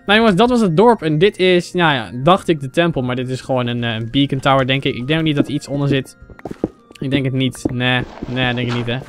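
A young man from the Netherlands doing Minecraft let's play commentary, excitable, exclaiming in English and chatting to his viewers. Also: mid-range voice, a little fast. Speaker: gaming channel host. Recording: faint game music behind.

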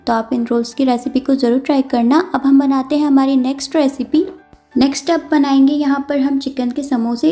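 High-voiced woman explaining a recipe. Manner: calm, instructive, repeats and clarifies steps. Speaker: cooking channel host. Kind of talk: step-by-step recipe voice-over.

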